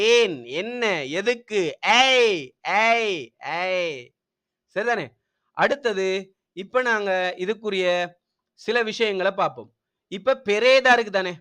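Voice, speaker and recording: A man with a fairly high voice leads an online class over a video call. He talks patiently and says each word again and again, breaking it into syllables so his pupils can follow. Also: bright, forceful tone, clean tone. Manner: patient, repeats each word slowly for pronunciation drills. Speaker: language teacher. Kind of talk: online language lesson.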